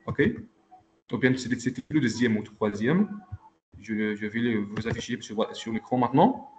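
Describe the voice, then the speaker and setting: A man's voice: lowish voice, moderate pace, a little mellow, a little hiss or hum. Patient male teacher on a video call. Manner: patient, repeats checks like "ok?" and "d'accord?". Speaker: Arabic teacher. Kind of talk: online class teaching.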